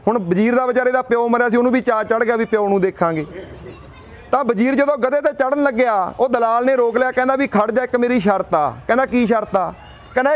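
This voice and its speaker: High-voiced man giving a rousing speech. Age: young adult. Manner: asks and answers his own rhetorical questions. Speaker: speaker addressing a gathering. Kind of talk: rousing public speech with a folk tale.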